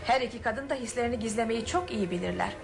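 A woman acts as a composed, resolute, suspicious daughter of a rich household in a radio play, speaking in a firm, formal, cool and accusing way. Her voice is fairly high with vocal fry, she talks fast, and music plays underneath.

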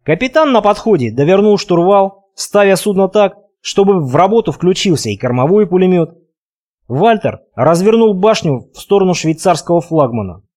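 A man reads a first-person adventure audiobook with expressive, conversational storytelling. His voice sits high for a man and moves a lot, climbing and dipping through each sentence. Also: moderate pace. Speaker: audiobook narrator.

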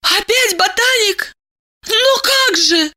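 A woman voicing a distraught, hysterical young woman who cries out in a shrill voice. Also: lively intonation, takes it slowly, bright, forceful tone, exaggerated voice. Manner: shrill, crying out.

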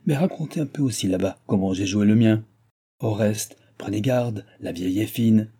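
Man doing a sly grave chancellor, measured delivery, dark husky voice. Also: fairly low pitch. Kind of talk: audiobook reading.

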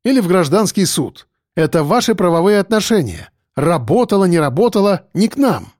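A man's voice: high voice, big pitch swings, a little fast, a little mellow, no echo, clean studio sound, pitched above the performer's own voice. A man voicing a lazy, dismissive male police desk officer. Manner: dismissive, grumbling.

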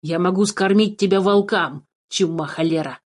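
A woman's voice: fairly low pitch, normal speed, natural voice. A woman doing a fussy gray-bearded old dwarf. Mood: indignant. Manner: fussy, excitable, keeps cursing. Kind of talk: storybook reading.

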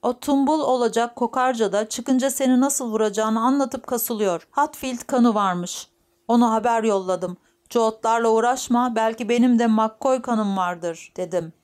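A woman voicing a boastful, foul-mouthed old grandfather in an audiobook, talking loud and full of swagger. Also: on the high side, unhurried, voice pushed up, lightly acted. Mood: blustering.

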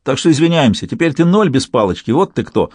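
A man voicing a brash, rowdy young man who bullies and threatens, loud and sing-song. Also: on the high side, sing-song, normal speed, breathy edge, dry recording, clean studio sound, pitched above the performer's own voice, full character voice. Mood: furious.

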